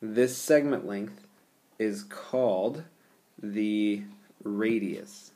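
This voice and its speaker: A man's voice: fairly low pitch, extremely slow, warm tone. A man teaching a geometry lesson over a screencast, explaining patiently in a casual way and often checking in with the listener. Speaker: math teacher.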